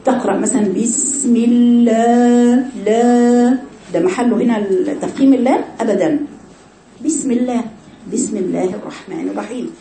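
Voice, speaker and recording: A woman's voice: mid-range voice, roomy sound, noisy background. A woman with an Egyptian accent teaching Quran recitation rules to a class of women, asking rhetorical questions and demonstrating mistakes aloud. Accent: Egyptian Arabic. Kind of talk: tajweed lesson to women.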